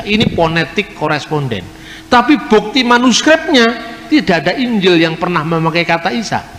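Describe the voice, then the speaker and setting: A man's voice: a little high, fairly bright tone. A man giving an explanatory lecture on scripture, now and then imitating regional pronunciations. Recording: echoey hall with faint noise.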